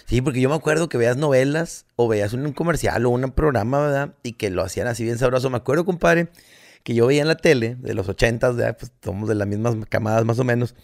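Middle-aged mexican podcast host, crude joker, mid pitch, acts out quotes. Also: male voice, quick pace, vocal fry. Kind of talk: casual chat.

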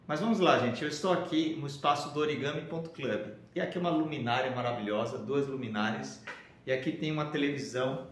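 A man, a professional speaker talking straight to the camera in an upbeat, casual pitch, recorded indoors in a room full of shelves. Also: fast talker, reverberant. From Brazil. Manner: upbeat, addresses viewers directly.

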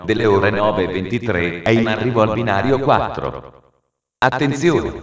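A man's low voice delivers automated railway announcements over a station loudspeaker. The sound is muffled and heavily reverberant, as in a large hall. His phrasing is formal, measured and pieced together in segments. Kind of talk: automated public train announcements. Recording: muffled, very echoey station PA, distant.

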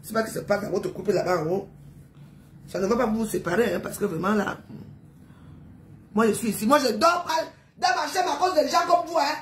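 Indignant widow, high and insistent, recorded at home in a roomy space. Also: female voice, a little fast, pauses often, slight background noise. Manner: emphatic, repetitive, peppered with tag questions. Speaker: widow ranting about her neighbors. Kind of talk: emotional monologue. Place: at home in an apartment building.

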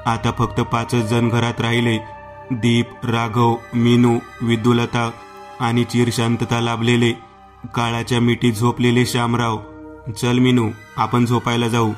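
A man with a Marathi accent narrating a horror story in a scripted storytelling style, voicing all the characters himself. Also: medium pitch.

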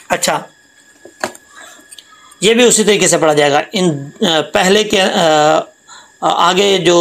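A man teaching Quran tajweed, explaining letter sounds patiently and repeating them slowly. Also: fairly high pitch, creaky, fairly bright tone, low-quality recording. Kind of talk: Quran tajweed lesson with recitation.

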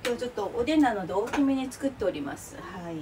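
A woman's voice: a little high, lively intonation, quick pace. A middle-aged woman chatting away while she cooks lunch boxes in her home kitchen, rambling, exclaiming and laughing as she works. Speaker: vlogger cooking lunch boxes. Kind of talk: casual chat while cooking. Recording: distant mic, clear kitchen noise.

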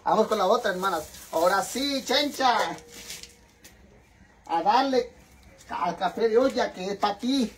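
A man's voice: sits high, animated, measured pace, long pauses, background noise. A man with a Mexican accent talking in a casual cooking vlog. He is dramatic and chatty, swears freely, and keeps calling his viewers sisters. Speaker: vlogger.

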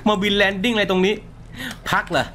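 A young man talks over his horror game in a lively, swinging voice that jumps up and down in pitch. He is excitable and crude, swearing at enemies and joking as he plays. A faint hiss sits under the desk mic. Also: unhurried. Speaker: gaming streamer. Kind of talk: live game commentary.

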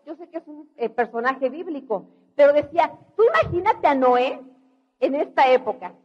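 A middle-aged woman with a Mexican accent giving an animated motivational storytelling talk, acting out voices. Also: high-pitched, normal speed. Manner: animated, acts out quoted voices. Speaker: motivational speaker. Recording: dull lo-fi recording.

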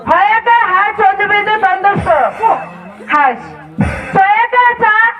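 A man's voice: very high-pitched, a little slow. A man playing an eager, cheeky schoolchild in Bengali folk theatre, with a Bengali accent. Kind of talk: loud Bengali jatra folk theatre acting. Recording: muffled distant stage, loud music and crowd.

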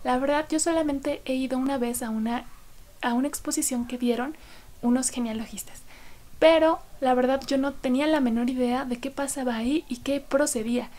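A woman's voice: high voice, fairly even intonation, brisk, darkish tone. A young woman with a Mexican accent hosting a casual vlog, chatty and curious as she asks questions. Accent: Mexican Spanish. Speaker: genealogy vlogger, interviewer. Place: large indoor exhibition hall. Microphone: camera held at arm's length. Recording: noisy crowded expo hall.

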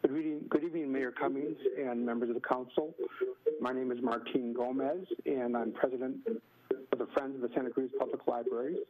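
A man's voice: medium pitch, fairly even intonation, brisk. A man giving a formal public comment at a council meeting, heard over a clipped phone line. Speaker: public commenter, library support group president. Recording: tinny phone line with faint hiss.

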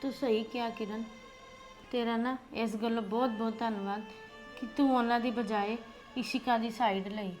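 A long-suffering elder sister-in-law, played by a woman, speaks softly and with resignation. Her voice sits a little high. Faint music plays underneath. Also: steady tone, normal speed, close to an everyday voice. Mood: resigned. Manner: soft, resigned.

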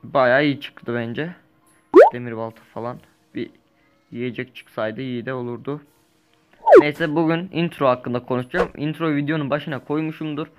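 A young man casually commenting while he plays a survival game, rambling, correcting himself and breaking into lively bursts. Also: medium pitch, moderate pace, smooth, soft background music. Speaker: gaming YouTuber. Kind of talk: casual let's-play commentary.

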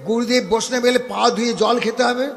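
A man's voice: extremely high pitch, steady tone, brisk, vocal fry. A man with a West Bengal accent giving a devotional sermon, preaching straight to his listeners and breaking into chanted verses. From India. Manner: preachy, addresses listeners as baba. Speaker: Bhagavat reciter. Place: gathering at a home, live audience. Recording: long reverb of a hall.

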